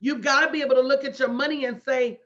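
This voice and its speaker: A woman in her late 40s with a high, fairly bright voice talks fast in a steady tone as a motivational business coach on a livestream. She repeats herself emphatically like a preacher and speaks folksily and directly to her live online audience. The livestream audio sounds dull and lo-fi.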